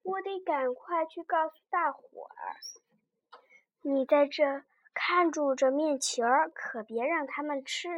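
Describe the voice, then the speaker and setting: An earnest little fish hurries to warn everyone, with a high, bright storybook voice, as a woman reads it. The words come out slowly and carefully. The sound is dry and close. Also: dry recording, highs cut off. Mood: urgent. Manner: urgent, pleading. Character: small young fish, earnest and eager to warn others.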